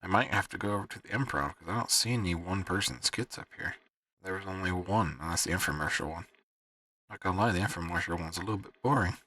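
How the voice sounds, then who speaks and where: Man, livestream host, low pitch, casual rambling chat, hesitant pauses, dry room, slightly distant mic. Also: sharp tone, breathy edge, no room sound.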